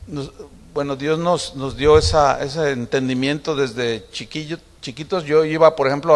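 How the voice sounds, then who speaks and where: A man's voice: fairly high pitch, big-room sound. A middle-aged man preaching a sermon in a conversational, confiding, humorous way. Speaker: pastor.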